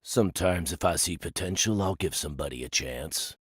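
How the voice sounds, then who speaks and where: An actor playing a calm, menacing man who runs a gambling den in a video game, speaking in a measured, matter-of-fact way. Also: deep voice, breathy edge, no room sound, studio quality. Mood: cool.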